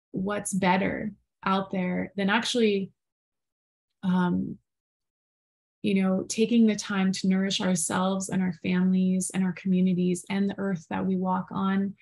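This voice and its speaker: A woman's voice: mid-range voice, gravelly. A woman in her thirties co-hosting a live stream from home, speaking earnestly with many fillers and reading viewer comments aloud. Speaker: podcast co-host. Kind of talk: live-streamed casual talk.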